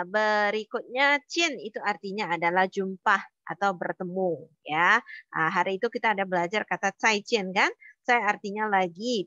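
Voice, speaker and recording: A woman's voice: mid-range voice, bright, forceful tone, dry recording, highs cut off. A woman teaching a Mandarin lesson online, explaining words step by step with patient fillers.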